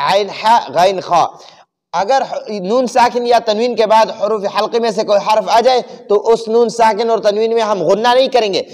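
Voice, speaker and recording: A man from Pakistan teaching a Quran recitation lesson, explaining pronunciation rules and then chanting verses slowly. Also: high voice, a little mellow. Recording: long reverb.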